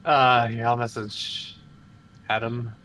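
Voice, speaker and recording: A man drawls slowly through loose, joking chat with his fellow players, sounding keen on the game. Faint noise hums behind him. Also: mid-range voice, little pitch movement, sharp tone. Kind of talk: casual chat among players on a live stream.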